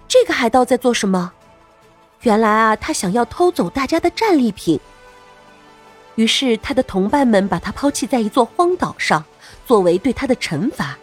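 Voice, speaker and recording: A woman narrating a scripted story for children as host, expressive and playful, speaking directly to young listeners. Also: fairly high pitch, normal speed, breathy edge, faint music behind.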